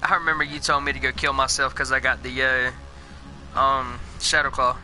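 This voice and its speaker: A man's voice: mid-range voice, little pitch movement, normal speed, sharp tone. A young man chatting while gaming, laid-back and teasing his friends. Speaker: gamer. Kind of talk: casual gaming chat. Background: faint game music.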